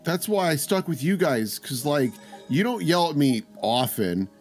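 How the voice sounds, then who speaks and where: Man, streamer, joking banter, very animated pitch, unhurried, faint game music behind. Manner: joking, laughing, mock-outraged. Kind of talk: casual let's-play banter.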